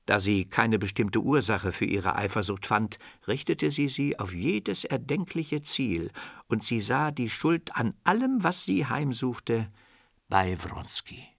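A man narrating a radio drama in a measured, expressive storytelling manner. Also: mid-range voice, creaky, dry recording, clean studio sound. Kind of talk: scripted literary narration.

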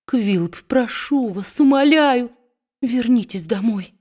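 A woman reading aloud, voicing a frightened wife who begs her husband through tears, pitched higher than her narration. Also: moderate pace, warm tone, close to an everyday voice. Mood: pleading. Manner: tearful, imploring. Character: frightened, pleading young wife.

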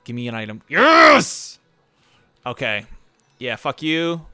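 A young man chatting over a kart racing game in a crisp, smooth voice, recorded close and dry with no room sound. He rambles through fillers, swears freely and laughs a lot. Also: medium pitch, moderate pace, sharp tone, dry recording. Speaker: gameplay commentator. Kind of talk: casual gaming chat.

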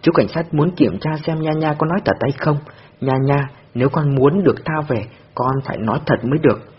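A man's voice: a little high, fairly quick, a little hiss or hum, natural voice. Man doing a patient, earnest policewoman. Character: patient firm young policewoman. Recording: dull lo-fi recording.

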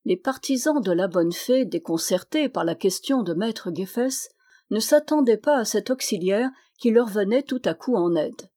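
A woman narrating a historical novel aloud in a steady audiobook reading. Her voice sits at a middling pitch, and she reads in a lively way, lifting it higher and louder when the villagers speak. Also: normal speed. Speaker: audiobook reader. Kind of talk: scripted narration.

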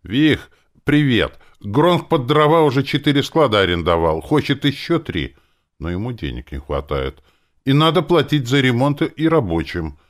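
A man's voice: medium pitch, very animated, normal speed, voice pushed up, natural voice. A man voicing an eager, earnest young boy in an audiobook, talking in a chatty way. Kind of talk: audiobook character voice.

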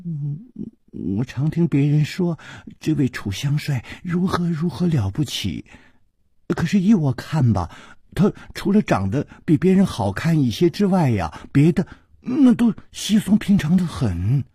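A man voicing a sly, mocking boy servant who teases smugly, sometimes dropping to a soft sneer. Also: a little high, very animated, a little slow, breathy edge, dry recording, studio quality, exaggerated voice. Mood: sly, teasing. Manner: teasing, smug, soft sneering asides.

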